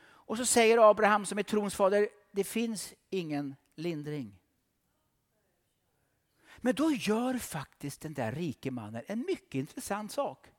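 A middle-aged man preaching a sermon dramatically, swinging from loud outbursts to hushed whispers. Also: high voice, big pitch swings. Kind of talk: animated sermon.

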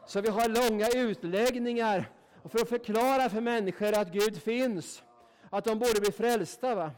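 A man's voice: high-pitched, darkish tone. A man from Sweden preaching a sermon in a folksy, emphatic way, often tagging his sentences with a questioning "right?". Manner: folksy, emphatic, keeps asking "va?".

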